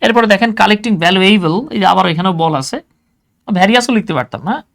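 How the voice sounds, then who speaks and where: A man's voice: high voice, creaky, fairly bright tone. A man teaching an English grammar lesson in a casual classroom style, explaining step by step, repeating key points and asking rhetorical questions. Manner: slows down to spell out words while writing.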